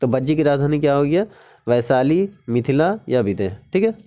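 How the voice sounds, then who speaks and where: A man's voice: mid-range voice, very animated, dark tone. A man teaching a casual exam-prep lesson, repeating key words and often checking in with the viewer. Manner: repetitive, keeps asking "ठीक है?"; drawn-out sing-song pronunciation drills.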